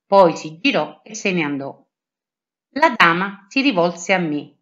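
A woman reading a children's adventure tale aloud in the first person. Her voice is bright and clear, and she reads slowly with a lively, rising-and-falling intonation. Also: on the low side, muffled recording. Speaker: storybook reader.

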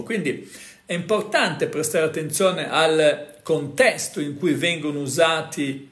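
Man, host, casual explanatory talk, filler-heavy, slightly high voice, echoey room. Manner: conversational, full of fillers and tag questions.

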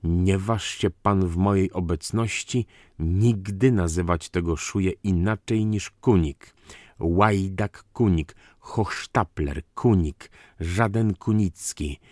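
A man reading an audiobook voices a proud, unstable aristocratic count who bursts out in indignant, theatrical shouts. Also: deep voice, slow, no echo, studio quality. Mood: furious. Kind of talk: audiobook character voice.

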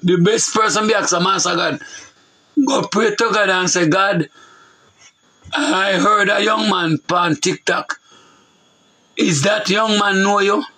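A middle-aged Jamaican man preaches on a talk show in a loose monologue, speaking patois with a Jamaican accent in an emphatic, repetitive style. His voice sits high, bright, forceful, and husky, and the recording is low quality.

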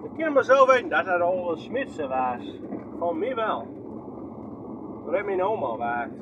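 High-voiced Groningen man chatting while driving. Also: big pitch swings, measured pace, highs cut off, background noise. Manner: rambling, chatty, asks himself questions and trails off. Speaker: vlogger. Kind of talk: casual running commentary while driving. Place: inside a moving vehicle.

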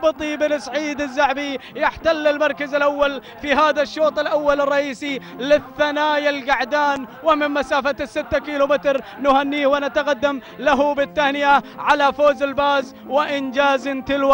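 A man calls a race live in a very high, rapid voice. He exclaims again and again and pours praise on the winners. His pitch stays on a narrow band, like an excited chant. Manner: exclaiming, repeating cries of praise. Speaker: race commentator.

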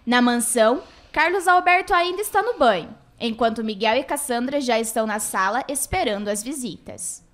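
A woman narrates a radio soap opera. Her voice sits a little high as she reads the scripted story between the scenes. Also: animated, moderate pace, hardly any pauses, fairly bright tone.

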